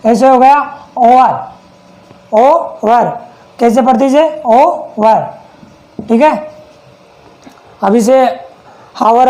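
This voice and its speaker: A man's voice: extremely high pitch, mellow, rough recording. A man teaching an English lesson with a Hindi accent, repeating points and asking rhetorical questions to check understanding. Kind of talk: classroom lesson.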